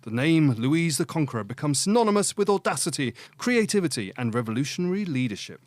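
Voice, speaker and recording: Lively game master narrating. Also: male voice, a little high, fast talker, no room sound. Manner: theatrical narration, laughs often. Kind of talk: narrating a comedy tabletop game.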